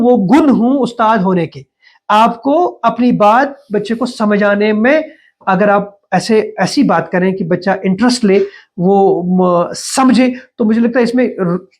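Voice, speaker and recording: A middle-aged man as the education expert guest in a podcast interview, talking in a thoughtful way with many pauses, fillers and restarts. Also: very high-pitched.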